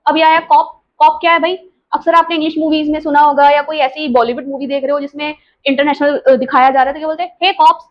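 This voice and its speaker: A high-pitched woman English teacher explains vocabulary fast and with flat delivery in a patient lesson, mixing Hindi and English. She keeps asking herself questions and often tacks on tag questions, and the recording is muffled.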